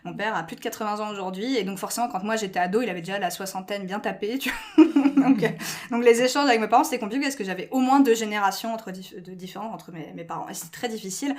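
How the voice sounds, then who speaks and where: A woman's voice: mid-range voice, quick pace. A middle-aged woman with a French accent, chatting candidly and informally as an interview guest, often digressing and poking fun at herself. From France. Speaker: interview guest, school educator. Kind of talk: animated informal interview talk.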